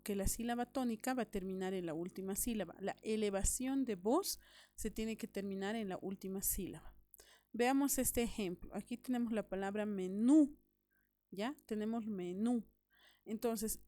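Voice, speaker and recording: In this recorded grammar lesson, a woman who teaches primary school explains things to young children one step at a time, going back over the main points and making sure they keep up. She speaks with a higher-pitched, darkish voice.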